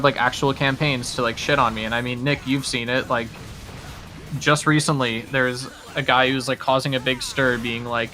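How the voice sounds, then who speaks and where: A man's voice: medium pitch, pushed and bright. A man hosting a casual gaming stream, rambling with lots of fillers and swearing freely. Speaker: host.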